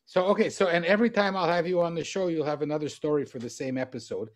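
Over a video call webcam, a middle-aged host in a room with bookshelves runs a casual interview, teasing and encouraging his guest and gesturing as he talks. His voice sits on the high side, steady in tone, and he speaks fast.

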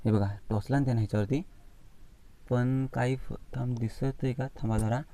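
A man with a Konkani Marathi accent, chatting excitedly as he films a demonstration on his phone and swears mildly at it now and then. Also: mid-range voice, normal speed, low-quality recording. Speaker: vlogger. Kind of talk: casual outdoor demonstration vlog. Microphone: phone camera.

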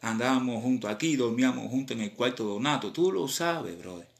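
A man with a Cuban accent, a rapper chatting casually on a live stream in animated, slang-filled talk. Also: mid-range voice, a little fast, gravelly. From Cuba.

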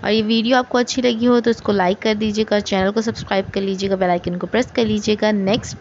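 A woman from Pakistan, narrating her travel vlog in a relaxed, chatty way with frequent hesitation fillers. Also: medium pitch, fast talker, lo-fi sound, slight background noise. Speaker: travel vlogger. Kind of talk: casual travel vlog voice-over.

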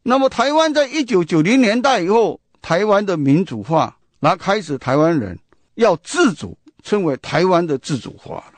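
A man's voice: sits high, big pitch swings, moderate pace, dry recording. A man with a Taiwanese Mandarin accent, hosting a radio book talk, chatty and full of rhetorical questions and storytelling. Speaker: radio host.

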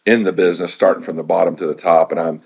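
A man's voice: low-pitched, fairly even intonation, fast talker, vocal fry, a little mellow, husky. A middle-aged man talking earnestly and a bit rambling in a casual interview, as a real estate team leader.

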